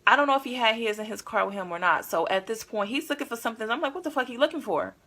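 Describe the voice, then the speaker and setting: A woman vlogger casually telling a dating story to her viewers, candid, animated and full of profanity. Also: fairly high pitch, quick pace.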